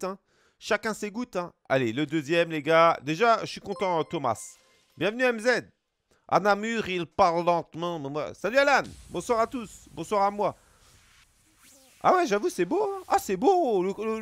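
Excitable Belgian streamer with lively pitch. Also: male voice, moderate pace, no room sound. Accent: Belgian French. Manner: excitable, swears casually, greets chat viewers. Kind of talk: live-streamed pack opening with chat.

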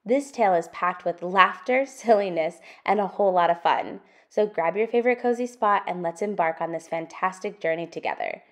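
The host of an interactive children's storytime is a woman whose voice is fairly low. She reads a picture book aloud, her phrasing deliberate, expressive, and sing-song.

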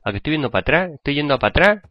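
A man with a Spain Spanish accent, hoarse from a cold, chatting and joking with viewers while playing a game. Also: a little high, sing-song, very fast, highs cut off, a little hiss or hum. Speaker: gaming channel host. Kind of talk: gameplay commentary.

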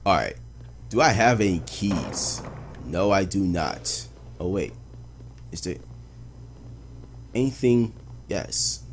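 A man hosting a let's play, commenting with jumpy, excitable, chatty reactions. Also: low voice, takes it slowly, pauses often, slight background noise. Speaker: gaming video host.

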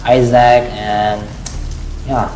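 Male streamer, slow exclamatory commentary, roomy home room. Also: mid-range voice, flat delivery, a little mellow. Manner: exclamatory, rambling. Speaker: gaming streamer. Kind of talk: casual live-stream commentary.

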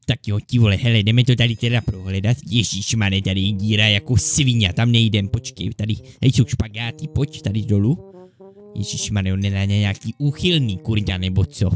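Speaking in a lowish voice with faint music behind him, a YouTuber chatters nervously through a comedic Minecraft let's play. He swears mildly and often while voicing two sidekick friends who keep bickering.

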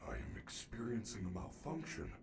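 Man doing a gentle robot bear caretaker, formal and calm, lively pitch, noisy game capture. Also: moderate pace, lightly acted.

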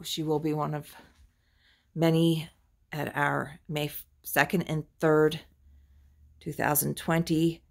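This woman's voice sits low with a touch of vocal fry as she narrates a casual phone-filmed walkthrough of a packed antique shop indoors. Chatty and admiring of what she sees, she gets quieter and louder as the camera pans.

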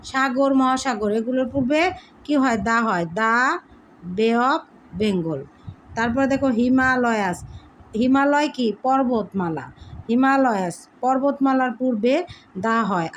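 A woman with a fairly high voice teaches young pupils a grammar lesson. She asks questions and then answers them herself, repeating the key words slowly. A faint hum of room noise sits behind her.

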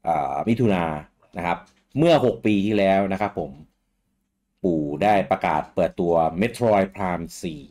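A man's voice: low voice, unhurried, darkish tone. A man in his thirties from Thailand, hosting a podcast in a rambling casual chat full of fillers and repeats. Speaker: podcast host.

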